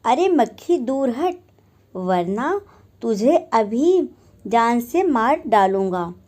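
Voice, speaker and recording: A woman voicing an irritable male lion, king of the jungle, in a storybook reading, gruff when threatening and tired when pleading. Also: fairly high pitch, very animated, takes it slowly, darkish tone, full character voice. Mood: angry.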